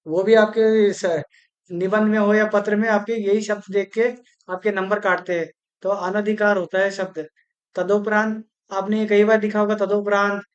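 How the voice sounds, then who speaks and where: Teaching grammar for an exam, this speaker mixes English into Hindi and goes slowly, repeating words and breaking them into syllables. The pitch is medium and the sound is lo-fi.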